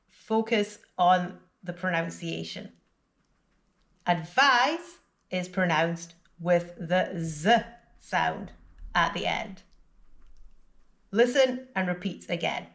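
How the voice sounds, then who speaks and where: A woman who is a native English speaker, giving a scripted vocabulary lesson with clear, deliberate teaching and repeat-after-me drills. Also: fairly low pitch, a bit bright.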